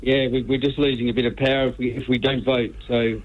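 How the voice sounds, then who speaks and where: A man's voice: medium pitch, little pitch movement, a little fast. A man giving casual, hesitant interview answers as a radio guest, repeating words as he goes. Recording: dull, band-limited radio call-in.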